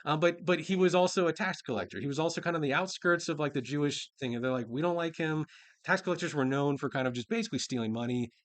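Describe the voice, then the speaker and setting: A man's voice: fairly high pitch, quick pace, few pauses. Man giving an informal conversational sermon. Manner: relaxed, informal, reads scripture then paraphrases it in everyday speech. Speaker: preacher.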